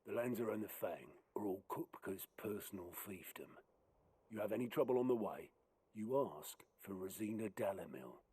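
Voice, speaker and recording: A male actor playing a gruff, dependable second-in-command in a fantasy video game, with a raspy voice and plain-spoken, measured delivery. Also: fairly low pitch, expressive, warm tone. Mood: confiding, steady.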